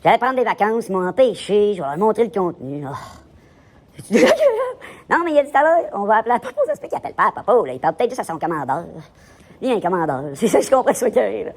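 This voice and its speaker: A man with a Québécois accent, livestreaming a loud, provocative, rambling monologue in a public place and switching between French and English. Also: high voice, sing-song, racing. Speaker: live vlogger.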